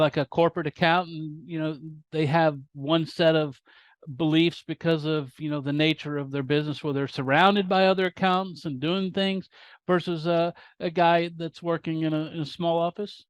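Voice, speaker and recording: A man hosting an interview over a video call, asking long, halting questions and repeating words as he goes. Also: fairly high pitch, fairly even intonation, dry recording. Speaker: podcast host.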